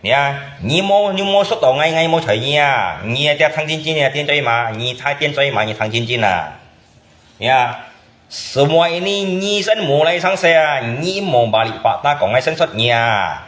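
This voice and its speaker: A man's voice: a little high, lively intonation, moderate pace, a bit bright. A man from Indonesia chatting casually as a channel host, often asking back with short questions. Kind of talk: casual chat. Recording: roomy echo.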